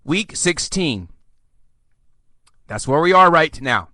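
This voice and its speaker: A man's voice: on the high side, lively intonation, takes it slowly, sharp tone, no echo. A man hosting a podcast, ranting sarcastically with theatrical mock outbursts. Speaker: podcast host. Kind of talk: sarcastic solo podcast rant.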